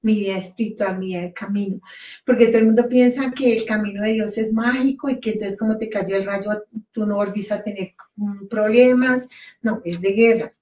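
A woman giving an emotional personal testimony as an interview guest, earnest and halting, repeating words as she goes. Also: medium pitch, a little mellow, highs cut off. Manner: earnest, halting, repeats words, quotes her own prayers. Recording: echoey room, voice from far off the mic.

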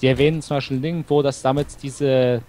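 A man's voice: mid-range voice, fairly even intonation, fairly quick, dark tone. A man co-hosting a casual let's-play, cracking dry jokes and thinking aloud about his game choices. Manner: dry joking, talks through game choices. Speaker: gaming co-host.

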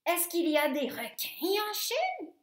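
A woman's voice: very high-pitched, wildly swooping pitch, measured pace, echoey room, exaggerated voice. A woman voicing an anxious, curious little boy who keeps asking hesitant questions. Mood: questioning.

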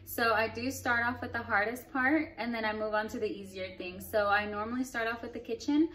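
A young home vlogger narrates her kitchen cleaning in a bright-ish, fairly high voice that stays steady and moves a little fast. She talks easily to her audience, comforting them while sounding slightly sorry about the clutter.

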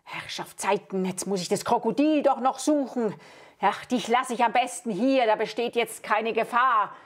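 A woman's voice: on the high side, moderate pace, close to an everyday voice. A woman puppeteer voicing a scheming male wizard who bosses everyone around and grumbles at his mistakes. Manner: bossy, grumbling. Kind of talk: Bavarian puppet show.

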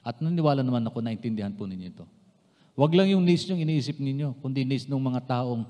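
A man's voice: medium pitch, lively intonation, fast, mellow. A man from the Philippines, a pastor preaching a sermon to his congregation. He switches between Tagalog and English, repeats key phrases for emphasis and addresses his listeners politely. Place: church sanctuary. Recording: long reverb of a church hall.

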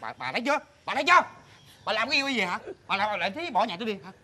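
A performer playing a loud, quarrelsome young husband in a sitcom. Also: medium pitch, very animated, very fast. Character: bickering young husband and son. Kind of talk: sitcom acting.

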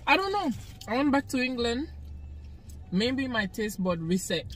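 At night in a parked car, a young Jamaican vlogger eats on camera and chats casually for an eating show, often breaking into laughter. Her voice is on the high side, sing-song and unhurried.

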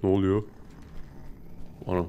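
A gaming video host talks at a measured pace in a low voice, the audio dull with slight background noise. During his casual let's-play, he chats constantly with viewers, whom he calls "pisicik," and yelps and squeals excitedly at frights.

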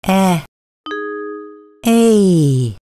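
A woman's voice: medium pitch, lively intonation, very slow, mellow, faint music behind. A woman with a standard American accent demonstrating isolated vowel sounds for pronunciation practice.

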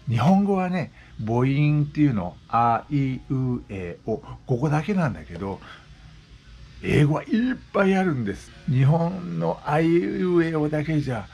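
A man's voice: mid-range voice, darkish tone, breathy edge. A man in his sixties talking casually as a vlogger, explaining things with repeated examples. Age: 60s. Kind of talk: casual monologue. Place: West Oahu, Hawaii.

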